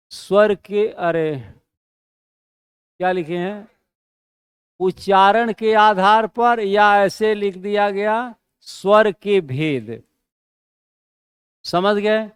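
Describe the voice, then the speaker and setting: High-pitched man teaching a slow, clear lesson. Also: no echo, clean studio sound. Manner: rhetorical questions he answers himself; slows down to stress key terms. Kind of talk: classroom lesson.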